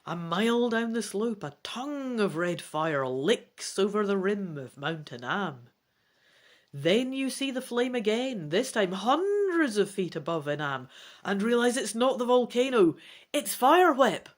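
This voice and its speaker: Presenting a gamebook playthrough, this woman speaks in a mid-range voice at a measured pace, with big swings in pitch. Her delivery shifts from dramatic, theatrical reading to relaxed, chatty asides.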